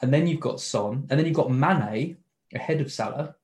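A man's voice: mid-range voice, lively intonation, normal speed, a little mellow. Co-host, man, mid voice, chatty football talk in an echoey room. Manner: chatty, lists names, repeats words when starting. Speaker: podcast co-host. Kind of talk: casual football chat. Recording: roomy echo.

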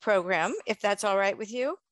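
A woman's voice: mid-range voice, moderate pace, no room sound. A woman hosting a health radio show, leading a chatty interview.

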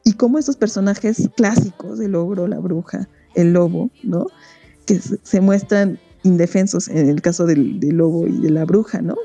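A woman's voice: on the low side, moderate pace, husky, soft background music. A Mexican woman, a guest on a podcast, chatting casually about children's books and animatedly retelling their stories. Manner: animated storytelling, acting out book characters. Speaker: guest expert on children's reading. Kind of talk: casual interview chat.

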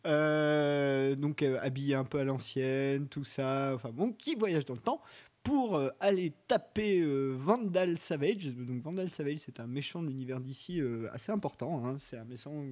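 A man's voice: medium pitch, moderate pace, darkish tone. A man co-hosting a casual podcast, talking about an upcoming TV series in a rambling, hesitant way with lots of fillers and restarts. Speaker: podcast co-host presenting a segment.

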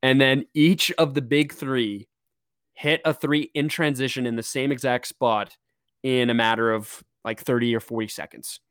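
An excitable man hosting a laid-back sports podcast, mid-pitched and quick to joke. His voice is recorded dry and close, with almost no room sound around it. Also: smooth, no room sound. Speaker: podcast host. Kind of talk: casual sports chat.

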